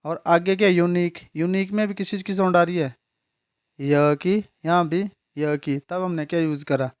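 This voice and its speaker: A man teaching an English grammar lesson, patiently explaining, repeating words, checking if students follow and spelling some words out slowly letter by letter. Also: high voice, steady tone, clear, resonant tone.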